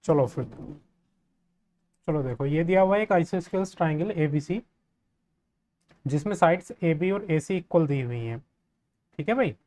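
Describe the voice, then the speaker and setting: A man's voice: a little high, animated, mellow. Male tutor, friendly and conversational, explains a proof step by step with frequent "right?" check-ins. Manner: friendly, asks the class quick checking questions. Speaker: maths teacher. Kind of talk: step-by-step geometry lesson.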